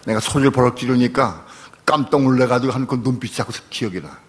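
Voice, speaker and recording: An older pastor preaches a sermon and shares a personal testimony at a fast pace and a medium pitch, shifting from quiet storytelling into loud, pleading prayer.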